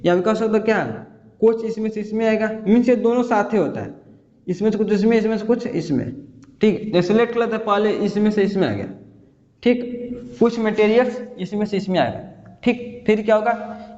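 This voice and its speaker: A man with a high voice teaches a science lesson, stopping again and again to ask whether his class follows. His voice rings in a large, echoey room with a long tail of reverb. The sound is dull and muffled. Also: darkish tone. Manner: repeats questions and checks understanding often. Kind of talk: explaining a school science lesson. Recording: dull roomy audio with reverb.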